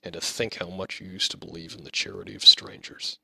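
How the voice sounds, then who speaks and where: A man's voice: low-pitched, sing-song, brisk, gravelly, pushed and bright, breathy edge, dry recording, exaggerated voice. A man voicing a big fifteen-year-old bully boy who taunts and mocks in an audiobook. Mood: mocking. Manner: mocking, taunting.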